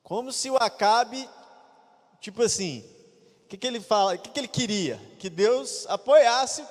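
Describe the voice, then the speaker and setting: A male pastor preaching a sermon in a church, retelling a Bible story with lively acted-out quotes. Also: high voice, normal speed. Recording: reverberant church hall.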